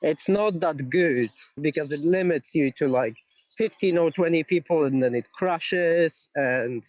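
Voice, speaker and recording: A man with a fairly high voice calls in by phone to a live online Q&A from outdoors while out on a walk. Speaking a little slowly, he asks friendly, hesitant questions. The recording is muffled, with slight background noise.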